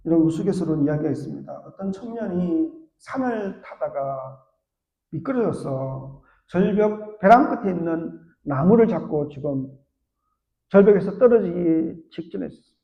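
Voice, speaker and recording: A man's voice: expressive, moderate pace, creaky, lo-fi sound. A man preaching a sermon as pastor, telling stories and acting out the voices of the people in them. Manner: storytelling, acts out voices with big pitch swings. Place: church sanctuary. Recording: echoey church room.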